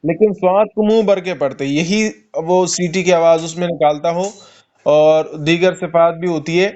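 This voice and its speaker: A man with a Pakistani Urdu accent teaches Quran recitation in an online class. His voice sits high, and he patiently stretches out letter sounds, repeating them so a student can copy. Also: steady tone, darkish tone, dull audio. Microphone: online call.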